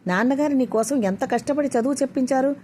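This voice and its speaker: A woman's voice: sits high, fast talker, dark tone, a little hiss or hum, voice pushed up, close to an everyday voice. A woman voicing a tearful middle-aged mother who pleads and falters as she speaks in a spoken story. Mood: pleading.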